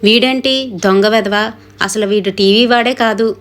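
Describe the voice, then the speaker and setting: A woman's voice: medium pitch, fairly even intonation, moderate pace, close to an everyday voice. A woman voicing a frightened, pregnant young wife who pleads anxiously. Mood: indignant.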